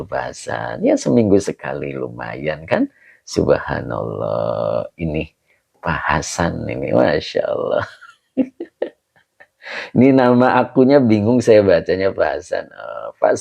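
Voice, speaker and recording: A middle-aged man, an Islamic preacher casually chatting through viewer comments on a livestream with chuckles and drawn-out exclamations. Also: lowish voice, vocal fry, dark tone. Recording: slightly dull lo-fi livestream audio.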